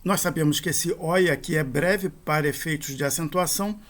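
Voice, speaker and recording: A man's voice: fairly high pitch, normal speed, fairly bright tone. A man, teaching a grammar lesson and spelling out endings and rules step by step.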